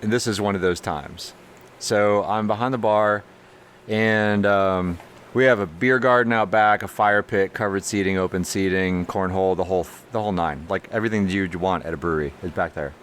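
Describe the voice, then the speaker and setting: A man who co-hosts a casual podcast and owns a brewery tells bar stories with lots of energy, acting out voices and jumping high in pitch when he does. He speaks at a moderate pace, and there is a little hiss or hum on the recording.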